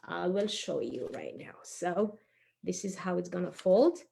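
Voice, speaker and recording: A woman walks through a children's craft tutorial step by step, keeping it informal and encouraging while she works with her hands. Her lowish, expressive voice is gravelly and dark, delivered at a measured pace.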